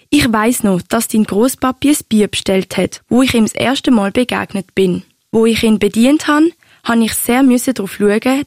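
A woman's voice: on the high side, dry recording, clean studio sound. Woman voicing a chatty Swiss grandma. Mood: fond. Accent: Swiss German. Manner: fond, storytelling, a bit bashful. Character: warm chatty Swiss grandmother recalling romance. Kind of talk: amateur audio drama.

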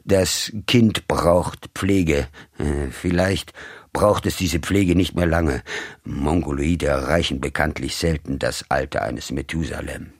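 A man reading the part of a cold, formal agent who speaks in a measured, commanding way. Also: rumbling low, breathy edge, no echo, clean studio sound, full character voice. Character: cold, commanding middle-aged male agent of a rich employer.

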